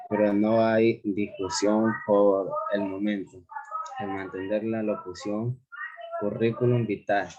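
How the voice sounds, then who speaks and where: A man presenting to his class, reading haltingly with pauses and restarts. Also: on the low side, darkish tone, husky. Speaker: student presenter. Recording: dull lo-fi call audio.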